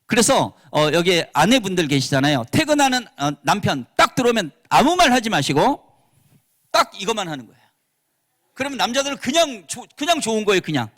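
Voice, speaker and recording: A middle-aged man, a pastor and teacher, giving a lively church lecture and acting out bits of dialogue. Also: sits high, brisk. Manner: animated, acts out quoted dialogue. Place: church hall.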